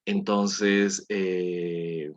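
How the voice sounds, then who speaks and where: A man's voice: sits low, little pitch movement, very slow. A man teaching a language class, patiently coaxing students through pronunciation drills and repeating words for them to copy. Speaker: English teacher.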